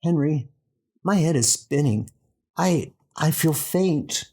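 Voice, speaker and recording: A woman's voice: sits low, lively intonation, slow pace, a little mellow, slightly rough, full character voice. Coy, pouting Wasp heroine acted by a woman. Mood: dazed. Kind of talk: comic-book dub acting. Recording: music under the voice.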